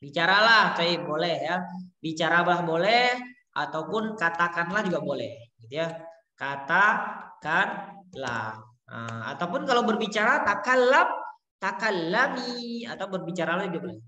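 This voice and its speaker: A woman's voice: fairly low pitch, animated, normal speed, sharp tone. A woman teaching Arabic pronunciation to children in a class, patiently drilling words and encouraging each pupil with short Arabic praise. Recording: echoey room with long reverb.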